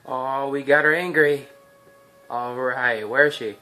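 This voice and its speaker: A man's voice: mid-range voice, steady tone, a little slow, pushed and bright, soft background music. A man giving chatty, joking commentary while playing a video game, thinking aloud. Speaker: gameplay commentator. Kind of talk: casual let's-play commentary.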